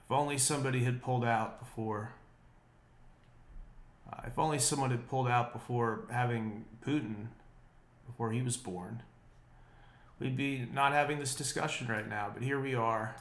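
This solo podcast monologue features a man chatting casually about the news, wry, opinionated and rambling. He has a medium-pitched, somewhat nasal and congested voice with fairly even intonation, a normal pace and long pauses. His unprocessed mic captures a roomy sound.

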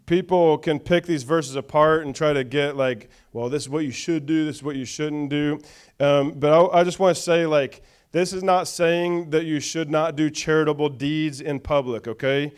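Smooth-voiced man preaching. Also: on the high side. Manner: call-and-response preaching, conversational asides. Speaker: pastor. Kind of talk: sermon.

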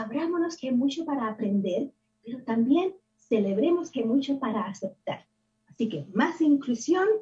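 A woman's voice: fairly high pitch, dark tone. Earnest woman, dull distant call audio. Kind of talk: commentary in a talk show.

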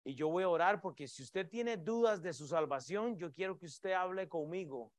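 A middle-aged man, preaching a sermon with emphatic swings in loudness and often calling his listeners brothers. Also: high-pitched, moderate pace, dry recording, clean studio sound. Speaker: pastor.

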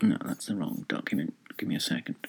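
Reading from his own written review, a podcast host rambles through a solo monologue, thinking aloud and restarting as he goes. He talks quickly in a low, slightly rough voice with vocal fry.

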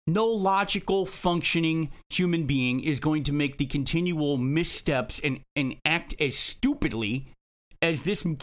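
A man with a notably high voice talks as co-host of a film review show. He is opinionated and emphatic, building long, scathing critiques point by point. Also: a bit bright.

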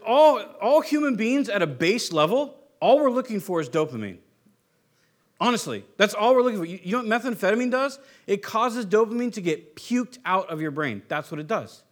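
A man with a high speaking voice delivers a sermon as a pastor. He talks in an emphatic, animated way and often repeats words and restarts his sentences.

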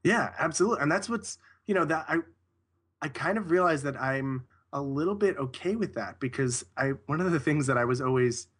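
A man's voice: on the high side, lively intonation, a little fast, a bit bright, husky. A man talking casually as an interview guest, rambling and correcting himself as he goes. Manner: rambling, self-correcting, with frequent restarts.

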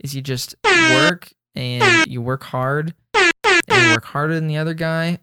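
Give me a loud, pushy hustle guru as a man mocks him, preaching in short repeated punches. The voice is pitched up above his usual tone and pushed hard. It sounds dry and close. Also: wildly swooping pitch, a little slow, no room sound, faint music behind, heavily acted. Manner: preachy, repetitive, emphatic.

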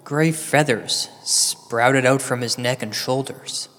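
A man's voice: medium pitch, slow, fairly bright tone. An actor playing a paranoid, self-pitying paranormal radio host in an ominous late-night storytelling style, rambling and half-joking in his drama. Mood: ominous, wry storytelling. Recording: long hall-like reverb.

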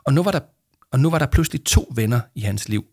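A man narrating a children's storybook aloud in a calm storytelling manner. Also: medium pitch, no room sound, clean studio sound. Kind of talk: storybook reading.

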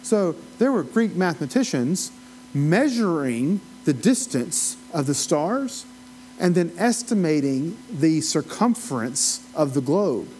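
A man from Appalachia in the United States leads a Bible study in a folksy, conversational way, wandering into asides and asking his listeners questions. His voice sits on the high side with big pitch swings, a slow pace, and a slightly mellow tone. The low-quality recording carries a little hiss or hum.

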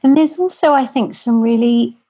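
A woman, a mother of five, calmly explaining her parenting ideas in conversation. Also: fairly high pitch, moderate pace, dry recording. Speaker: parenting guest.

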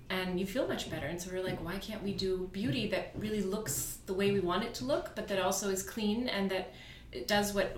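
Speaking in a mid-range voice, this Virginia woman, a co-founder of a beauty brand, is relaxed and casual as a podcast interview guest in a studio, often using fillers and starting over. There is reverb on the recording and a little background noise.

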